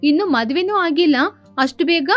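A woman's voice: sits high, moderate pace, close to an everyday voice. A woman voicing a playful young woman doctor who teases her older sister, in a storybook tale. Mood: teasing. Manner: teasing, lively.

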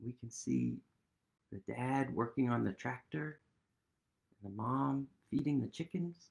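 A man in his thirties reads a picture book aloud to young children at storytime, gentle and expressive, pausing and asking questions. His voice sits at medium pitch with some vocal fry.

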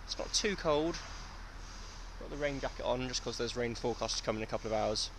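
A young English cycling vlogger with a mid-range voice talks casually and a little fast to an action camera mounted close on his bike. He's out on country lanes, chatty and breathless between climbs, with wind and road noise behind him.

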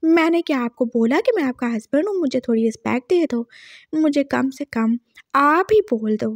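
A woman playing a soft-spoken caring young husband, coaxing and gentle, dry close sound. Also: high-pitched, lively intonation, normal speed, dry recording.

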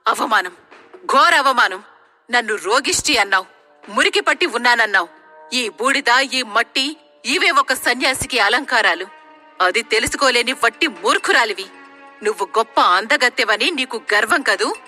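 A woman's voice: on the high side, animated, moderate pace, pushed and bright, long reverb tail, soft background music, full character voice. A woman doing a furious cursing holy man. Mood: wrathful. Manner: thundering, indignant. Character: furious wandering holy man who curses.

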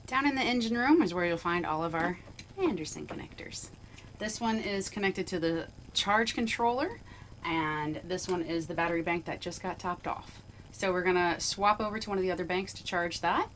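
A woman in her thirties, a sailing vlogger, explaining her boat's power setup in a clear, informative tour-guide way from inside a cramped engine room. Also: mid-range voice, fairly bright tone, slight background noise.

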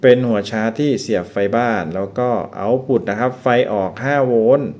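Casting: male reviewer, mid-pitched, relaxed walk-through of a home camera. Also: normal speed. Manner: relaxed, explains step by step with frequent polite particles. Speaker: product reviewer. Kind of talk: casual product review.

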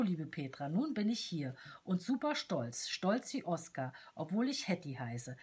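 A tiny cheerful companion doll, voiced by a woman reading a letter aloud, bubbly and playful. Her pitch bounces lively up and down, and the voice has a husky edge.

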